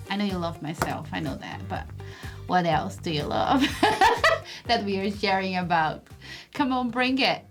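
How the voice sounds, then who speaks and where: A woman with a Brazilian Portuguese accent chats as a podcast co-host, unhurried and drawn out in her speech. She is playful, giggles a lot, and speaks English as a second language. Soft music sits faintly behind her. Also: medium pitch. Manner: giggly, playful, laughs often. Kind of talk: casual podcast chat.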